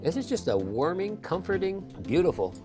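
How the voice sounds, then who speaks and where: Male food presenter, animated delivery, savors and raves, music bed underneath. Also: sits high, normal speed. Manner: savoring, gushing over the taste. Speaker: cooking video presenter. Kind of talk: food demo and tasting.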